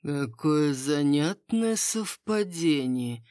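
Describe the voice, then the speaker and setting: A woman's voice: deep voice, expressive, normal speed, no room sound, clean studio sound. A woman reading the part of a kindly, curious older lady who looks after the heroine. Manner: curious, caring.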